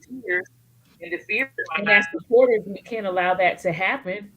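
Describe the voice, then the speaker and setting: A woman's voice: mid-range voice, fairly quick, bright, forceful tone, poor audio. A woman guest speaking candidly and emotionally about supporting family, earthy and joking in turns. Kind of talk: candid personal storytelling.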